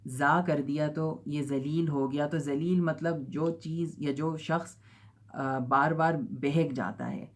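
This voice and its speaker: A man's voice: a little high, steady tone. A man teaching an Arabic pronunciation lesson, who stretches out each model sound and keeps checking "theek hai?" with his learners.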